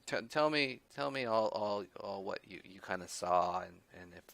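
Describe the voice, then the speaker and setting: An officious male debriefing officer, played by a man as game master, stumbling through restarts and fillers. The voice sits low and comes across bright, with a dry, close sound. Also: lively intonation, gravelly, no room sound. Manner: halting, full of restarts and fillers.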